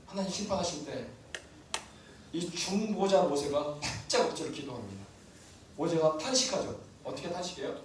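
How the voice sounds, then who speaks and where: A man's voice: on the high side, normal speed, slight background noise. A man preaching a sermon as pastor, often asking the congregation questions and answering them himself. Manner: asks the congregation questions, lively and animated. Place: church sanctuary. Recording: echoey room, mic from a distance.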